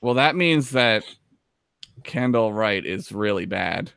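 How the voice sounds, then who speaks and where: A man's voice: on the low side, expressive, takes it slowly, gravelly, fairly bright tone, clear, resonant tone, no echo. Joking male podcast co-host, dry sound. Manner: joking, laughs often, swears. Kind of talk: casual sports chat.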